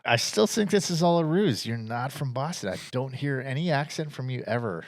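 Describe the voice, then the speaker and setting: A man's voice: mid-range voice, animated, normal speed. A man co-hosting a podcast, chatting casually about upcoming movies, rambling with restarts and frequent laughs. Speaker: podcast co-host.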